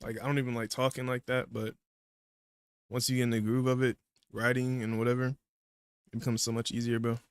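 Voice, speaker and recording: Casual male streamer, easygoing slang, medium pitch, dry recording. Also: flat delivery, fairly quick, long pauses, smooth, no echo. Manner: laid-back slang, eating while talking. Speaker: livestream guest. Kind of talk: casual livestream chat.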